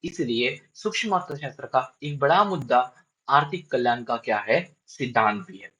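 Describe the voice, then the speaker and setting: A man's voice: moderate pace, poor audio. A male teacher giving a classroom lecture, who keeps asking questions and answering them himself and repeats key lines for his students. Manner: lively up-and-down pitch.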